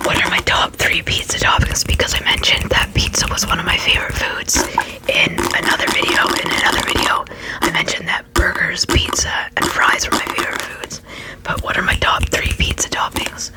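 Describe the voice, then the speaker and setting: An ASMR creator speaking in a fast, breathy whisper, often repeating short phrases while answering viewer questions. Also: poor audio.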